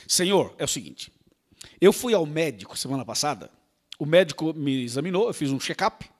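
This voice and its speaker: Preacher putting on old prophet, pleading excuses, raised high voice. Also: male voice, big pitch swings, moderate pace. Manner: excuse-making, whiny.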